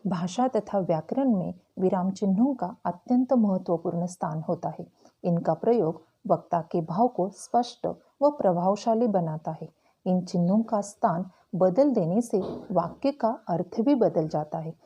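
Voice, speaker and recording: A woman teacher explaining a Hindi grammar lesson slowly and carefully to school students. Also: fairly low pitch, lively intonation, dark tone, breathy edge. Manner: slow, careful explaining with frequent "tो चलो".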